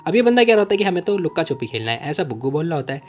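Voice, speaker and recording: A man races through a comic recap in a casual, joking way, breaking off for quips to his listeners. His voice sits a bit high. Soft music plays behind him. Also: big pitch swings, rapid-fire. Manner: chatty, jokey, keeps calling listeners brother. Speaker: manhua recap narrator. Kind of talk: casual storytelling recap with quick asides.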